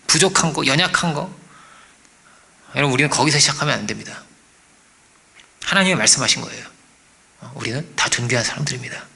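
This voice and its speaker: A man preaching a sermon as pastor, animated, asking the congregation for agreement and acting out quoted voices. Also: medium pitch, gravelly. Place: church.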